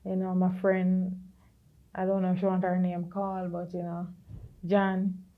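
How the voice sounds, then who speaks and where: A middle-aged Jamaican woman giving an earnest personal testimony, slipping into patois and lively quoted voices. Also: on the low side, a little slow, narrow, tinny audio. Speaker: podcast creator sharing her story.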